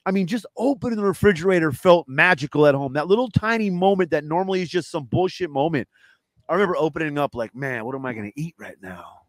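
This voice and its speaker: A man who is a comedian and home cook, a guest in a casual interview, rambling fast with lots of fillers. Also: fairly high pitch, expressive, no room sound.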